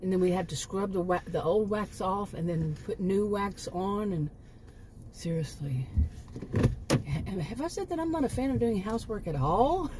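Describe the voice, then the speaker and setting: A woman's voice: mid-range voice, animated, normal speed, noisy background. A woman in her late fifties chatting casually in a rambling vlog, often correcting herself and chuckling at her own asides. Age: 50s. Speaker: homemaking vlogger.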